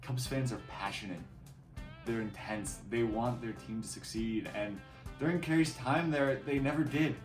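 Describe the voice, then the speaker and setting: A male host reads his narration at an even pace, set back from the mic. The room adds a clear echo, and soft guitar music plays beneath. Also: mid-range voice, moderate pace. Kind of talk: scripted narration. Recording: echoey room, distant mic.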